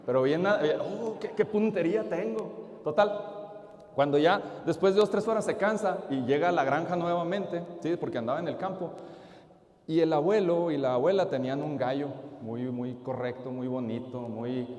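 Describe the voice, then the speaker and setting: A man's voice: on the high side, moderate pace. A man, a lay preacher at a retreat, telling a story in a sermon and asking the audience questions. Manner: lively, asks the audience questions. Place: large church. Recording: echoey church hall.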